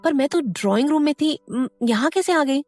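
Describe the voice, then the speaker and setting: Woman as sweet childlike girl, soft and sheepish, high voice. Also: animated, moderate pace, dry recording, soft background music.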